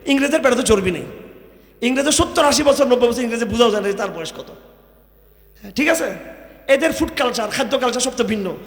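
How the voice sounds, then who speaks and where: Man, preacher, sermon, rhetorical questions, echoey roomy sound, very high voice. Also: expressive, fast talker, pauses often. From Bangladesh. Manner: rhetorical questions to the crowd, mocking. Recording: echoey hall with long reverb.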